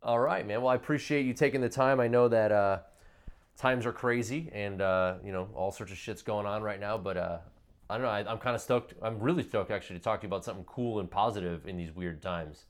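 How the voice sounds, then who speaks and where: A man's voice: on the low side, a little fast. A man with a Wisconsin accent hosting a casual podcast interview, chatting informally and swearing freely. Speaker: podcast host. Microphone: online video call.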